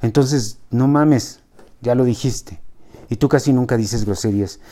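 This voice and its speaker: A man's voice: medium pitch, measured pace, pitched above the performer's own voice, natural voice. A man voicing a fiery young woman university student, speaking bluntly and impatiently. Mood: exasperated. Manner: blunt, exasperated, shouting.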